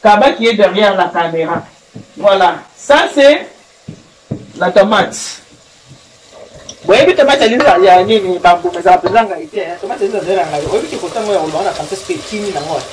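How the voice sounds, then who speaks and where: An older woman hosting a home cooking show and giving marriage advice, with a teasing, animated way of talking. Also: medium pitch, fairly quick, a crowd in the background. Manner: chatty, teasing, animated storytelling. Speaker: host, grandmother. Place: home kitchen. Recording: echoey room, voice from far off, faint noise.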